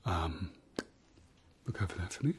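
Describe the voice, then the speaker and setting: A middle-aged man in an ASMR ear cleaning ASMR role-play as a calm, reassuring doctor, speaking softly and gently, close to the microphone. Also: low voice. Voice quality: soft, breathy soft voice. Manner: gentle, reassuring, murmuring with slow pauses. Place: small indoor space with fabric backdrop. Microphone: close-up microphone, moving from side to side.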